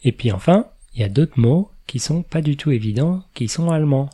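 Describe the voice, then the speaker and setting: A man's voice: medium pitch, lively intonation, fairly quick, warm tone, breathy edge. A man hosting a podcast in a casual, explanatory chat, laughing now and then at his own remarks. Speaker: podcast host.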